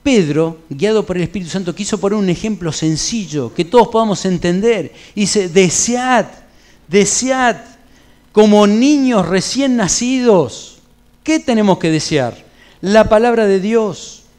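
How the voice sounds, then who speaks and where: A middle-aged Argentine pastor with a Rioplatense accent and a rather high voice for a man, teaching a Bible study in church. He preaches conversationally, slipping in everyday stories and casual local slang. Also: normal speed, darkish tone. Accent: Rioplatense Spanish. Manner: conversational preaching with anecdotes and colloquial asides.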